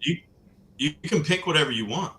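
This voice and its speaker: A man's voice: on the high side, lively intonation, fairly quick, pushed and bright. A man co-hosting a casual livestream, easygoing and matter-of-fact. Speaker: co-host.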